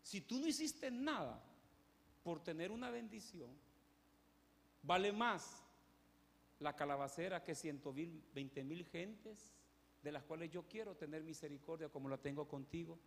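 A man's voice: a little high, measured pace, gravelly, long pauses, slight background noise, pitched below the performer's own voice. A man preaching in a church, speaking as God, who patiently questions and reasons with a sulking prophet. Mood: reasoning. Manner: calm, probing questions, reasoning. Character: patient questioning God, calm fatherly male. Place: church hall. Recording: echoey church hall.

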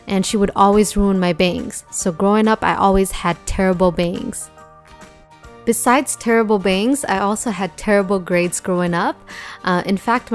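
A young woman from Nepal telling her life story in a casual voice-over, chatty and full of ums and uhs. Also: mid-range voice. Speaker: YouTuber. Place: voice-over over whiteboard drawing.

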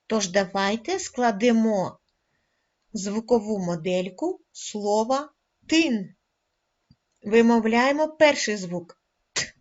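Slow, gentle woman teaching first graders. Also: fairly high pitch. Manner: slow and deliberate, drawing out sounds for children. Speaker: primary school teacher. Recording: dull lo-fi recording.

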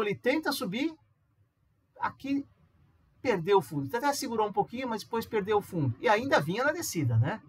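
A Brazilian man with a husky, fairly high voice talks through price charts in a relaxed, chatty way, checking in with listeners as he goes. He slips into a livelier tone when he acts out what a viewer might ask. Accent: Brazilian Portuguese. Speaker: amateur trader giving a chart tutorial. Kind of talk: casual screen-recorded tutorial.

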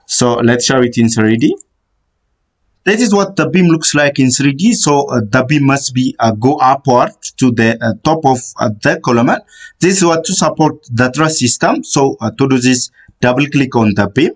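A man with an expressive, medium-pitched voice narrates a screen-recorded software tutorial. His step-by-step instructions come out haltingly, peppered with "uh" fillers.

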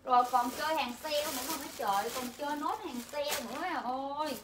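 A woman's voice: high voice, fast, background noise. A young woman, chatting nonstop and pushing deals to viewers on a live clothing sales stream. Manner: chatty, pushy, addresses viewers constantly. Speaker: livestream clothing seller. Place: indoors, home shop.

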